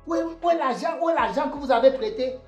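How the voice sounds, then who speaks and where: A woman's voice: high voice, fast talker, a little mellow, reverberant, lo-fi sound, soft background music, close to an everyday voice. A woman in a comedy sketch, talking in a heated, accusing, commanding way.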